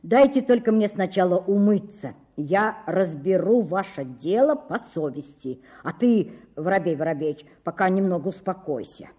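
A woman doing a calm cheerful chimney sweep. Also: lowish voice, moderate pace, few pauses, breathy edge, voice pushed down.

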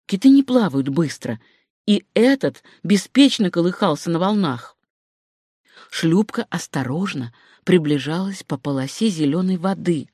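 A reader giving scripted narration of an adventure story with a steady storytelling delivery. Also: medium pitch, dry recording, studio quality. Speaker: audiobook reader.

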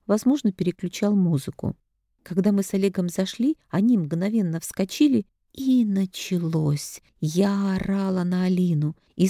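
Woman narrator, first-person story reading, low voice, dark mellow tone, dramatic delivery. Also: no room sound, studio quality. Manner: dramatic reading, voices rise for shouted quotes.

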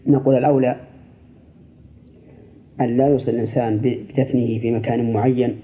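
An older male scholar responds to listener questions steadily and deliberately, sometimes restarting a phrase. His mid-range voice comes over a thin, tinny radio signal with a little hiss or hum.

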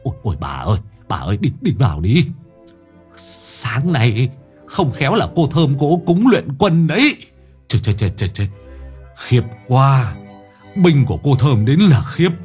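A man's voice: medium pitch, big pitch swings, a little slow, faint music behind, voice pushed up. A man voicing a frightened old village woman neighbor who keeps repeating herself in a storybook tale. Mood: panicked.

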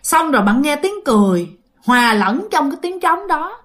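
A woman's voice: high voice, sing-song, normal speed, fairly bright tone. A woman telling a ghost story in a chatty, casual way, often addressing her listeners.

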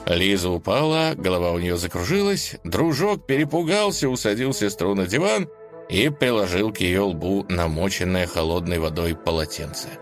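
A man reading a children's storybook aloud in an expressive, lively way, with faint music underneath. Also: low-pitched, normal speed. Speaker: narrator.

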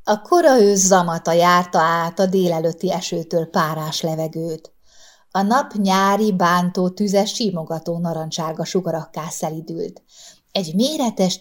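A woman narrating a short story in a calm, measured audiobook reading. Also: on the low side.

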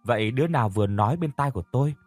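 A male storyteller reads a first-person ghost story at an ordinary pitch, steady and measured. The recording is close and completely dry. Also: dry recording, soft background music.

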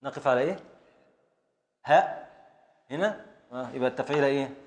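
Speaking fast in a mid-range voice, a man with an Egyptian Arabic accent teaches Arabic prosody to a class. He drills the students patiently, repeating lines and counting along.

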